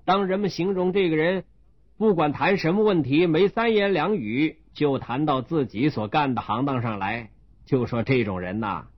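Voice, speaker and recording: A man telling a traditional folk tale, narrating slowly and expressively. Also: a little high. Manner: slow, animated, expressive narration. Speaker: storyteller. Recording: dull lo-fi recording.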